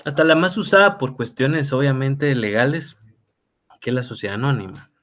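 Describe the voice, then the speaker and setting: A man's voice: mid-range voice, moderate pace, a bit bright, a little hiss or hum. A middle-aged man teaching an online law class, talking conversationally with fillers and tag questions. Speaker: law lecturer.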